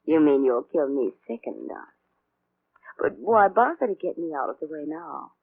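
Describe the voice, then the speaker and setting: An actor playing a sly, taunting blackmailer in an old radio show, mocking and menacing. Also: male voice, a little high, sing-song, measured pace, vocal fry, no room sound, heavily acted. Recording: tinny, dry old radio recording.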